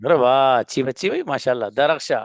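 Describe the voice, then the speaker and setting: A man teaching an online English class, calling on students by name and drilling each sentence slowly. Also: medium pitch, lively intonation, no echo.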